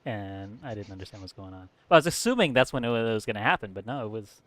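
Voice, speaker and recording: A man's voice: on the low side, animated, very fast, a bit bright, dry recording. A man co-hosting a podcast, chatting casually with a wry, teasing manner. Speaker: podcast co-host. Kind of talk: casual chat.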